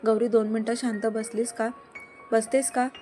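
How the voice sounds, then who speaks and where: A woman's voice: fairly high pitch, flat delivery, normal speed, dark tone, natural voice. A woman reading the part of an angry young husband who scolds everyone in a stern voice. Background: background music.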